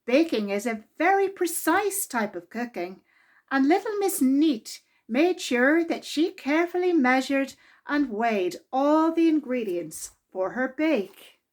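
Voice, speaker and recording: Reading a children's tale aloud, this high-voiced woman takes her time and leans into the drama, drawing out important words to make them stand out.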